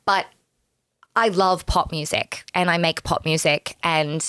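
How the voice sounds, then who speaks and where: A woman's voice: lowish voice, steady tone, measured pace, a bit bright, smooth, no room sound. A young woman, a musician guest on a podcast, chatting casually and bubbly, laughing often. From Australia.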